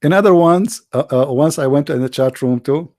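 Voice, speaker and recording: A man's voice: fairly high pitch, moderate pace, a little mellow, dry recording. Mocking man with a dry, close sound. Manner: mocking, anecdotal storytelling; non-native English grammar. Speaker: livestream debate host. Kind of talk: live online debate commentary.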